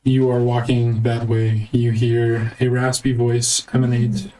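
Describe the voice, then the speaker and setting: A woman's voice: rumbling low, little pitch movement, measured pace, mellow, distant mic, slight background noise, poor audio. A woman running a tabletop game as game master, reading out scenes and refereeing the players.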